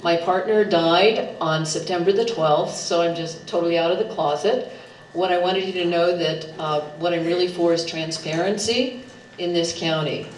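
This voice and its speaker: A woman in her seventies, a county candidate giving a playful, chatty speech at a public debate. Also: fairly low pitch. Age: 70s. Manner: chatty, playful, gets the crowd chanting. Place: public meeting room. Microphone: handheld mic heard from a distant camera. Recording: roomy hall audio from far off, faint noise.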